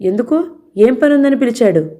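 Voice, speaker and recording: A man's voice: very high-pitched, lively intonation, moderate pace, warm tone, voice pushed up. A woman reading the part of a stern older uncle who scolds and interrogates his nephew. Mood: angry.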